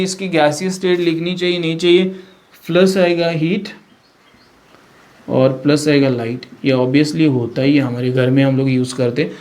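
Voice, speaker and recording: A man's voice: on the high side, darkish tone. A male science teacher who works through a chemistry lesson at the board, thinking aloud with fillers and self-corrections.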